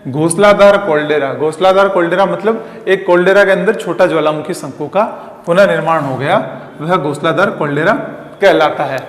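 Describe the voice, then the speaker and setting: A man's voice: a little high, fairly quick. A man teaching geography as a classroom lecture, explaining step by step and answering his own questions while drawing diagrams. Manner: draws diagrams while talking. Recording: echoey, reverberant room.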